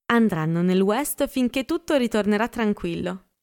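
A woman voicing a gossipy, excitable young woman in an audiobook, with a chatty manner. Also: mid-range voice, moderate pace, clear, resonant tone, natural voice. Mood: confiding. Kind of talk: audiobook character reading.

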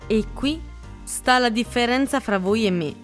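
A woman's voice: on the high side, measured pace, faint music behind, voice pushed up, close to an everyday voice. A woman voicing a bitter, discontented married woman in an audiobook, curt and ambiguous. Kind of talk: audiobook character reading.

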